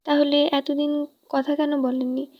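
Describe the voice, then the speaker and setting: A woman's voice: high voice, level tone, unhurried. A woman reading a storybook, voicing an emotional, pleading young woman in love. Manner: pleading, tearful. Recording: dull lo-fi recording.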